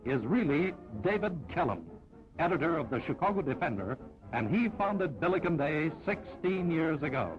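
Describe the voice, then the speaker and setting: 1940s newsreel announcer man, lively. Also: fairly high pitch. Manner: brisk, upbeat announcer delivery. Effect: old newsreel sound. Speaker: newsreel narrator. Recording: dull lo-fi 1940s film audio with music.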